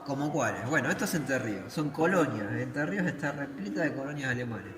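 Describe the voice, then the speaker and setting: A man's voice: medium pitch, expressive, brisk. A man with an Argentine accent guiding visitors through a museum, explaining as he goes and asking and answering his own questions. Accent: Argentine Spanish. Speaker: museum tour guide. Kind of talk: guided museum tour explanation. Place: museum hall. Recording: echoey room with loud background noise.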